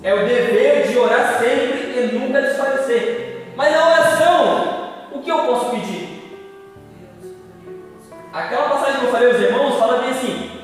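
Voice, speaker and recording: A man's voice: very high voice, animated, normal speed, pauses often, faint music behind. A man preaching with a Brazilian accent, speaking in a fervent, sing-song cadence to a congregation. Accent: Brazilian Portuguese. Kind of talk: church sermon. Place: large church hall. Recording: echoey hall from far off.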